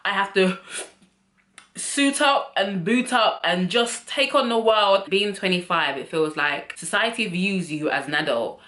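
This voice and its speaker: A woman's voice: medium pitch, a little slow, a bit bright, a faint crowd, slight background noise. A woman in her twenties, chatting candidly to camera as a vlogger. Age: 20s. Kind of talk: casual chat to camera. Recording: roomy echo.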